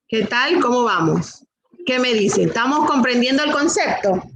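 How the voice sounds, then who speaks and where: A middle-aged woman teaching a class, speaking slowly and patiently and repeating rules and questions to her students. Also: fairly high pitch, animated, a bit bright, low-quality recording. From Latin America. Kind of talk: online class lesson.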